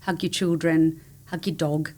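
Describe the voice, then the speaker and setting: A woman's voice: low voice, little pitch movement, unhurried, darkish tone. A woman speaking as a podcast guest in a casual conversation, with an earnest, candid and affirming manner. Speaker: podcast guest, family support coach.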